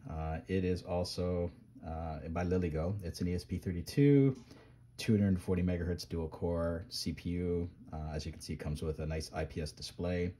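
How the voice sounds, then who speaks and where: Very deep-voiced man demoing gadgets. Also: steady tone, normal speed, mellow. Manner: rambling, many ums and restarts. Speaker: maker reviewing microcontrollers. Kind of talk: casual hands-on tech demo. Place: workbench.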